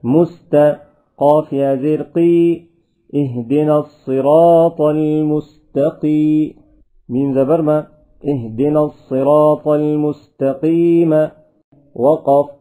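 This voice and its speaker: A man teaching a reading lesson, spelling out each syllable slowly before chanting the joined words. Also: fairly high pitch, steady tone, dark tone. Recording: tinny phone-like recording.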